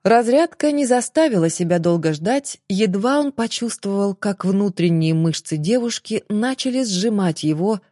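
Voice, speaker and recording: A woman narrating an audiobook in an expressive, dramatic reading. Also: mid-range voice, dry recording, clean studio sound. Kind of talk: scripted narration.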